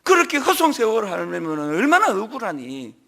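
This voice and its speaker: A middle-aged man preaching a sermon as pastor, telling stories with emphatic swings in pitch and loudness. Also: huge pitch swings, a little fast, vocal fry. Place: large church sanctuary.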